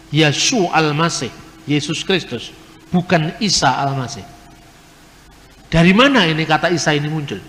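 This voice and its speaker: A man giving a teaching lecture, explaining points in a lively way. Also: on the high side, big-room sound. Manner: lively, explanatory, imitates regional pronunciations. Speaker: religious speaker.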